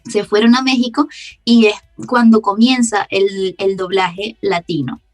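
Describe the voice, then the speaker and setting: A woman from Venezuela with a softened Caracas accent, a voice actress explaining her craft in a casual podcast interview, often breaking into laughter. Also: medium pitch, level tone, measured pace, no echo, soft background music. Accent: Caracas Venezuelan Spanish, softened. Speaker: voice actress guest.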